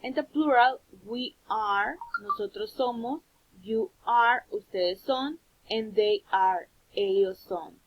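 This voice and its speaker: Slow, patient woman teaching English. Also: fairly high pitch, dull audio. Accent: Honduran Spanish. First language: Spanish. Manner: slow, patient, repeats words for pupils to copy; switches between English and Spanish. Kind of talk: recorded classroom lesson.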